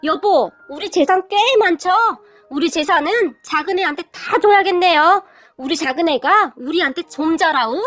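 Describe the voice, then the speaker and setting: A woman's voice: extremely high pitch, normal speed, a bit bright. A woman voicing a stern, scheming older mother-in-law who talks bluntly and scolds. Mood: scornful.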